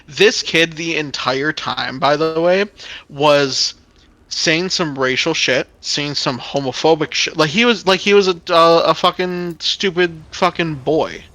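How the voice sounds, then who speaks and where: A young man with a bright, fairly high voice chats while gaming. He tells stories in a loose, animated style, swearing freely and breaking into laughter, talking into a desk mic on a voice call. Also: moderate pace, no room sound. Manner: animated, profane, laughing storyteller. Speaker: let's play host. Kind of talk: casual storytelling while gaming.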